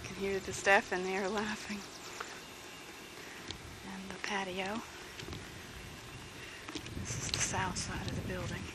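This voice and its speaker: Brief: woman narrating a camcorder tour, unhurried and quiet, voice going, loud tape hiss behind her. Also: mid-range voice, little pitch movement. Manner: slow, soft-spoken pointing out sights. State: losing her voice. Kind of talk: narrating a home video tour. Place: outdoor grounds and buildings of a campus. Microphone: built-in camcorder mic.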